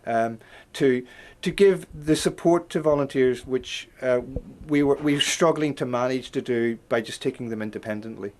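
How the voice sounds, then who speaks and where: A man from a charity speaking in a measured, hesitant way in an interview. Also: medium pitch, a little hiss or hum. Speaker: charity organiser. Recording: roomy, distant, loud music.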